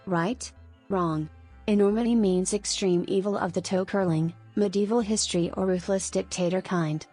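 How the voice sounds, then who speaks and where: A woman giving a scripted explainer on tricky words, clear and lightly playful. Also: mid-range voice, fairly even intonation, moderate pace, warm tone. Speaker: narrator. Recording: faint background music.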